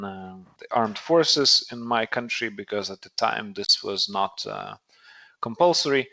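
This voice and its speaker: A man's voice: lowish voice, pushed and bright. A man, a podcast guest explaining things thoughtfully and searching for words. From Lithuania. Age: late 30s. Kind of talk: earnest podcast conversation.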